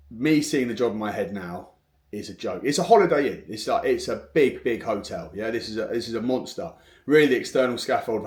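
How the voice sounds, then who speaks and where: A man's voice: lowish voice, a little mellow, reverberant. A man who runs a construction business, telling a frank, rambling story to camera with many restarts.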